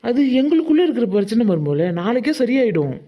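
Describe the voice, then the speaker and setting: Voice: big pitch swings, fast talker, lo-fi sound. A performer voicing an affectionate middle-aged village uncle in a cartoon. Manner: affectionate, booming calls. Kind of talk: cartoon voice acting.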